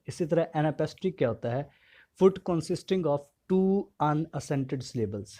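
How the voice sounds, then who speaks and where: A man giving an exam-prep literature lecture, asking a question and then answering it in a steady, explanatory way. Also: on the high side. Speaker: English literature teacher.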